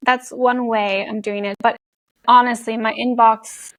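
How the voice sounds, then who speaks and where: With a fairly high, level voice and an unhurried pace, a young Canadian woman talks as an interview guest and content creator, recorded without echo. She's chatty and laughs frequently, full of likes and you knows, her Canadian accent carrying a European, international tinge.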